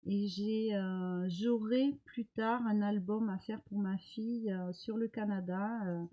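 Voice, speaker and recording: Slow, hesitant middle-aged woman. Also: medium pitch, mellow, lo-fi sound. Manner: hesitant, many pauses and fillers. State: recovering from illness. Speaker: crafting vlogger. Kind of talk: casual show-and-tell of mail.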